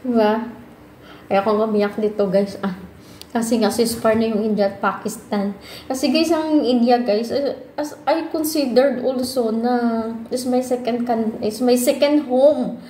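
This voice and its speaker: A woman's voice: on the high side, steady tone, unhurried, mellow, a little hiss or hum. A Filipino woman chatting casually to her viewers, often calling out to them and mixing in English. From Philippines. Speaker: vlogger. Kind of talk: casual chat to camera. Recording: echoey room with faint ambience.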